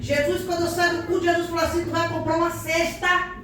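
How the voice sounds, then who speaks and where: A woman's voice: very high-pitched, little pitch movement, quick pace, a bit bright. A woman pastor preaching an emphatic, fervent sermon with testimony in a church. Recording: echoey church hall from far off, noisy.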